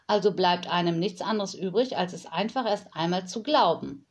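A woman voicing a calm, whimsical nanny in a storybook reading, gentle and patient. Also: lowish voice, normal speed.

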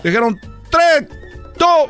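A boastful, excitable baseball player, put on by a man for a comic radio sketch. The voice sits high and squeals as he rambles on, cracking himself up. A faint music bed runs under his talk. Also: slow pace, heavily acted. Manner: rambling, shouting catchphrases, laughing at own jokes. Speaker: recurring comedy character on a radio show.

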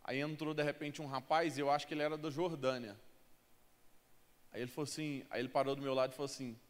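A man's voice: mid-range voice, steady tone, quick pace. A young man preaching a sermon with a Brazilian Portuguese accent, telling stories with humor and rising to emphatic calls. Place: church hall. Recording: echoey church hall, faint music.

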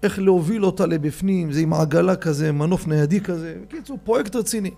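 A man giving a rabbi's storytelling sermon, animated and addressing his audience directly. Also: sits high, vocal fry, soft background music.

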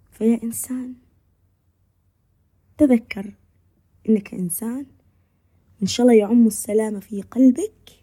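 A woman with a Levantine Arabic accent talks through a quiet, reflective podcast monologue. Her tone is mellow and warm, with a breathy, husky edge. She keeps it gentle and often lets her voice fall to a soft whisper. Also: medium pitch. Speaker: podcast host.

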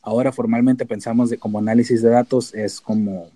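Speaking a little fast, a Tijuana-born data analyst and researcher appears as a podcast guest with a northern Mexican accent. His tone is mellow and relaxed at a middling pitch. He keeps things informal, explaining casually and slipping in an English term now and then.

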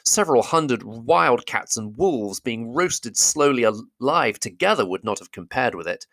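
A man narrating a classic fantasy novel as an audiobook, with a steady, measured storytelling delivery. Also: mid-range voice, no room sound. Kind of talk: audiobook reading.

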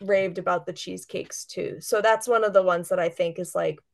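Chatty woman chef, lower-pitched. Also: fairly even intonation, normal speed, gravelly. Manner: chatty, fillers of "like" throughout; enthusiastic, gushing. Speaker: chef, guest. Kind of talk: casual interview chat.

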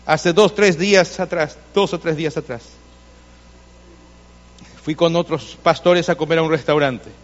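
A man's voice: fairly high pitch, fairly even intonation, a little slow, long pauses, long reverb tail, dull audio. A man preaching a sermon as a pastor, telling stories conversationally and pressing his points with repetition. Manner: conversational storytelling, insistent repetition. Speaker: Adventist pastor.

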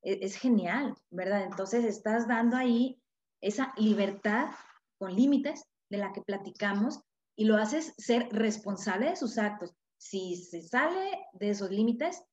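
A woman's voice: mid-range voice, expressive, unhurried, a little mellow. A woman, a guest expert explaining parenting in an interview, who acts out the voices of parents and children. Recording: echoey, dull lo-fi sound.

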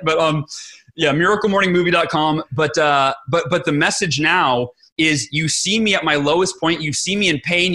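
Man, middle-aged, interview guest, enthusiastic storyteller, somewhat high voice, bright tone. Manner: enthusiastic, quotes others' speech often. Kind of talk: animated storytelling in conversation.

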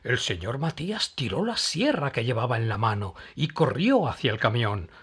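A man reading a children's story aloud, expressive and dramatic. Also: medium pitch, moderate pace, husky.

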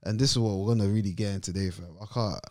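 A man's voice: lowish voice, steady tone, rapid-fire, a little mellow, dry recording, clean studio sound. A young man with an urban London roadman accent, hosting casual group banter in a slangy, exasperated ranting manner. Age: young adult. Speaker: podcast host.

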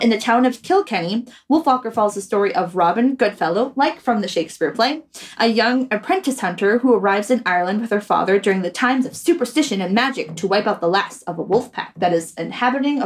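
A woman's voice: medium pitch, animated, fairly quick, distant mic. A woman co-hosting a podcast, reading a film summary in a casual, chatty way and stumbling over names. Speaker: podcast co-host.

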